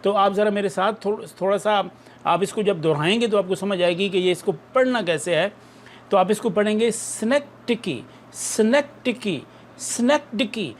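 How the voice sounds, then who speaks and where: A man's voice: high-pitched, normal speed, slight background noise. A man teaching an English lesson, explaining carefully and repeating pronunciation drills. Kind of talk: recorded online lesson in Urdu-Hindi with English terms.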